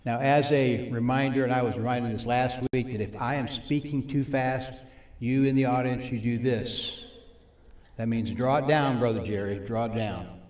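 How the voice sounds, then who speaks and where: A man teaching a live faith-based recovery group on stage, folksy, repeating points slowly for his audience. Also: medium pitch, fairly even intonation, a little mellow, echoey room. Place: church meeting room with audience and monitors.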